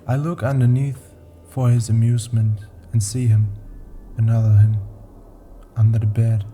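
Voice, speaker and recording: A man narrating short horror stories in a slow, deliberate, ominous manner. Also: lowish voice, little pitch movement, warm tone, a little hiss or hum. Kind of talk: scripted horror story narration.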